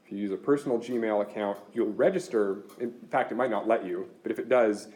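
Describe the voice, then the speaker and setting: A male university instructor gives a classroom lecture, explaining the course logistics one step at a time in a conversational, practical manner. He talks briskly in a fairly low, slightly mellow voice.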